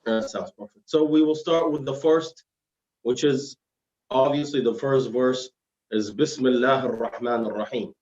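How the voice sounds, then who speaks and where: A male religious teacher explains in a formal way, slipping into Arabic phrases. His diction is slightly thick and slurred, and his mid-pitched voice comes through a roomy, somewhat muffled live stream. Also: measured pace, darkish tone. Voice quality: slightly slurred, heavy-tongued diction from dental trouble. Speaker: Islamic scholar, guest lecturer. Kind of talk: religious lesson in dialogue form.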